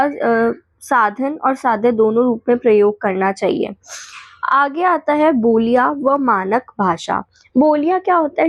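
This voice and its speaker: A woman teacher going quickly through exam revision points, listing definitions and checking in with the class as she goes. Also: sits high, no echo.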